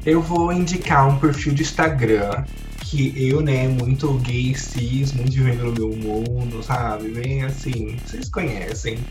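A man's voice: mid-range voice, fairly even intonation, unhurried, few pauses. A Brazilian man chatting casually on a podcast panel in a campy, slangy manner. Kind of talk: casual chat. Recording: roomy echo, faint music behind.

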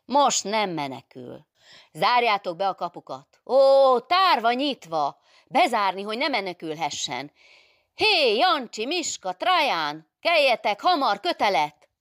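A woman voicing a loud, bold gentry nun who shouts commands. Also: fairly high pitch, big pitch swings, dry recording, clean studio sound, pitched above the performer's own voice. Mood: shouting.

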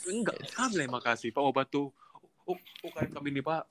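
A man's voice: fairly high pitch, expressive, a little fast, a bit bright. A man co-hosting a casual podcast, joking around and repeating words for comic effect. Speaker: podcast co-host.

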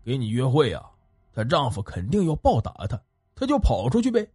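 A gruff older Taoist master with a deep, curt, husky voice, as a man puts him on. He speaks low and quietly, always dry and deadpan, in a close, dry storytelling recording. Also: brisk, dry recording, faint music behind.

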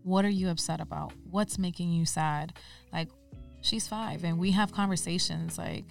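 A woman's voice: fairly low pitch, fairly even intonation, moderate pace, vocal fry, recorded from a distance, faint music behind. A woman guest on a casual podcast, talking earnestly and sprinkling her speech with "like" and "um". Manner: earnest, uses filler like "like" and "um". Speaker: interview guest.

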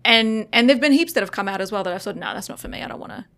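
Young woman guest, quick and lively talker, casual chat. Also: mid-range voice. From Australia and New Zealand. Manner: fast, animated storytelling. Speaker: guest, writer-director.

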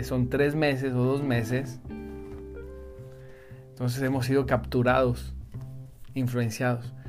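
A Bible teacher, giving devotional teaching in an animated, conversational and emphatic way. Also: mid-range voice.

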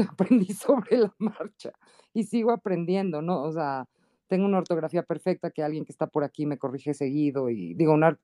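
A woman with a Mexican accent, a guest and columnist, telling anecdotes in a casual podcast chat, lively and often jumping into high quoted voices.

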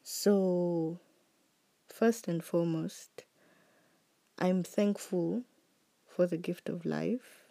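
A woman hosts a reflective solo podcast monologue in a slow, husky voice that sits fairly low with a steady tone. Her voice is still recovering after illness, and she sounds heartfelt and earnest, letting phrases trail off softly.

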